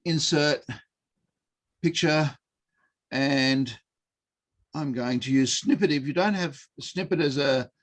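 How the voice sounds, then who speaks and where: A middle-aged man presents an online workshop over a video call. He talks in a relaxed, hesitant way, with many fillers. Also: on the high side, slow, pauses often. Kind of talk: online teaching session.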